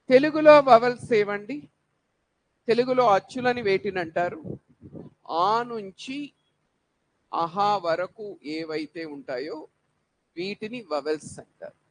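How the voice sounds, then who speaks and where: High-voiced man teaching a lesson. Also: no room sound, rough recording. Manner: poses rhetorical questions then answers them; drills words by repeating sounds. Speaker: English teacher. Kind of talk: classroom-style grammar lesson.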